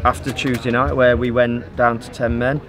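Standing on an outdoor pitch after the match, a middle-aged man who manages a football team answers questions in a calm, level tone peppered with fillers. Crowd noise carries behind him, picked up by a phone the interviewer holds out.

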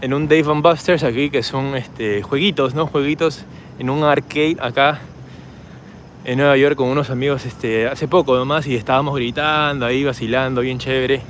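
A hoarse man with a Peruvian Spanish accent rambles on in a casual walking vlog and speaks to his handheld camera at night. His voice sits at an ordinary mid pitch. Faint city traffic hums in the background. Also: fairly even intonation, moderate pace. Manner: chatty, rambling, talks straight to camera while walking. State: hoarse from shouting. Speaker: travel vlogger. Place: city park and streets at night, outdoors.

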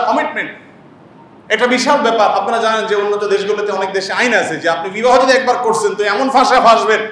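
A man's voice: sits high, fairly bright tone, heavy reverb, far from the mic. A man preaching a sermon with impassioned rhetorical questions and repeated lists. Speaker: Islamic preacher. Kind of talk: sermon-style lecture.

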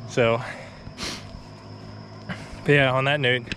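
Slow-paced, in a mid-range voice, a young adult vlogger walks a quiet rural road uphill and sounds a little out of breath. He chats in a relaxed way, heavy on fillers and short laughs. A phone or action camera held at arm's length captures him, along with a little hiss or hum.

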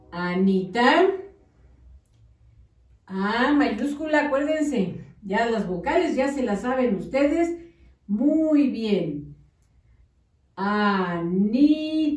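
A woman teacher, dictating to young children slowly and patiently, spelling words out syllable by syllable. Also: a little high, lively intonation, a little mellow, recorded from a distance. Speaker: primary school teacher. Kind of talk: slow, patient classroom dictation. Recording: echoey room, voice off-mic.

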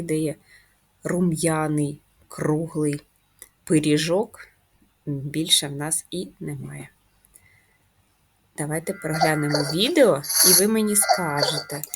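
A woman teacher leads a first-grade reading lesson at a slow, patient pace. Her voice is slightly low and breathy. She coaxes answers with questions and breaks words into sounds and syllables. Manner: coaxing questions to children.

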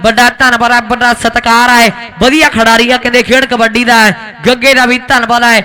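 A man's voice: extremely high pitch, flat delivery, normal speed, bright, forceful tone. A man with a Malwai Punjabi accent commentates live on kabaddi in a rousing, declamatory way. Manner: rousing, calls to the crowd. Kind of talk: live sports commentary with folk couplets. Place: outdoor village tournament ground.

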